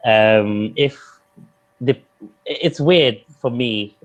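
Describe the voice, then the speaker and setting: A man with a mixed London and Nigerian accent, tutoring English in a relaxed, thoughtful video-call chat. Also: medium pitch, extremely slow, poor audio. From London, England. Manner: relaxed and thoughtful, adjusts his sound to the listener. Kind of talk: casual video-call conversation.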